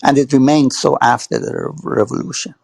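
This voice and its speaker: A man's voice: medium pitch, a little fast, gravelly, a little mellow, husky, dry recording, clean studio sound. A man speaking in an online audio chat room, hesitant, repeating words and saying "you know" often. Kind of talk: casual spoken remarks.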